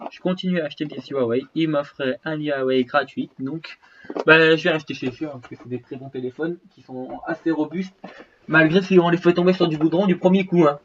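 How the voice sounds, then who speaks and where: Over lo-fi sound with slight background noise, a fairly high-pitched man chats to his viewers while displaying his phones and other gear. A cold leaves him short of breath, and his talk wanders, restarts often, and stays slangy and relaxed.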